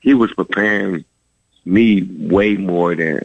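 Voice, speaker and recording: A man's voice: deep voice, takes it slowly, gravelly, no echo, highs cut off. A man, a former player, telling long stories in a radio interview with lots of restarts. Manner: rambling, animated, many restarts. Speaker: former college basketball player, guest.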